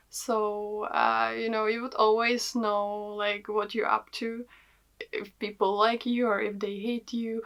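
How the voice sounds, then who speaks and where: A woman in her twenties speaks English with a Czech accent, chatting casually to her viewers. Her pitch sits in an ordinary middle range and stays quite even, without big swoops. She talks loosely, filling her sentences with "like" and "uh". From Czech Republic. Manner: chatty, frequent fillers like "like" and "uh". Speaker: vlogger. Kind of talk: casual vlog talk.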